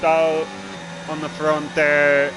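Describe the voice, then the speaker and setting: A man's voice: fairly high pitch, monotone, drawn-out words. A man doing live race commentary on a livestream of a sim racing event. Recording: clearly noisy, engine noise behind.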